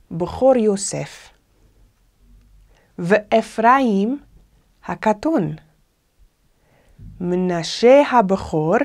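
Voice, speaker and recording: A woman with a slightly high voice runs a language lesson. She asks simple questions and patiently repeats each answer. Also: a little mellow. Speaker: language teacher. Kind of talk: slow repetitive language lesson.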